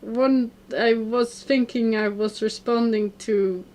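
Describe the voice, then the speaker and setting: A woman's voice: on the high side, steady tone, takes it slowly, darkish tone. A woman hosting a let's play, giving casual, joking commentary between readings.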